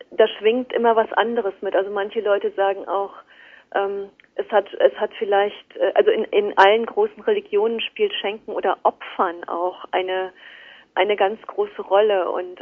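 A woman speaking as a guest in a radio interview, thoughtful and hesitant with many fillers, heard over a phone line. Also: medium pitch. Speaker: guest, works at a financial institution. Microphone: telephone.

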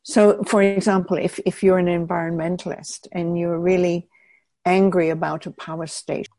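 An older woman from England speaks slowly and thoughtfully, working through her ideas with small restarts. Her voice sits low and mellow with a husky edge. The recording is dry and close. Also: flat delivery, no echo. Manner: measured, thoughtful, with hesitant restarts. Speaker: interviewee, peace researcher. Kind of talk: reflective interview answers.

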